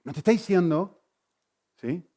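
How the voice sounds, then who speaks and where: A man preaching a sermon, swinging between loud emphasis and quiet, intense asides. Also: sits high, lively intonation, a little slow. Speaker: pastor.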